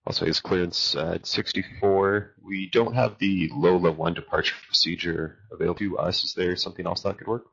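A man's voice: sits low, steady tone, brisk, creaky, hardly any pauses, a bit bright, husky. A man speaking as a pilot, making requests and readbacks in radio phraseology. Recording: dull lo-fi radio audio.

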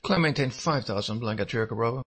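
A man's voice: mid-range voice, quick pace, fairly bright tone, breathy edge. A man speaking as a pilot, giving terse, procedural radio read-backs to air traffic control.

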